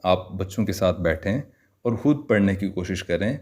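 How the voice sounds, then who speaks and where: A man with a Pakistani accent teaching an online Quran reading lesson, spelling out syllables slowly and clearly and mixing Urdu and English. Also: sits low, expressive, a little mellow. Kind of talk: online Qaida lesson, slow syllable drills.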